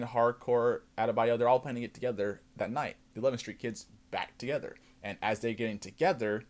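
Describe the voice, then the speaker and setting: A man hosting his own show, casually recapping a TV episode with loose, enthusiastic commentary and plenty of fillers. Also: mid-range voice. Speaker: show host.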